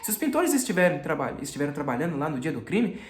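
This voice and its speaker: A man's voice: a little high, very animated, fast talker, reverberant. Man voicing an exclaiming, puzzled young friend.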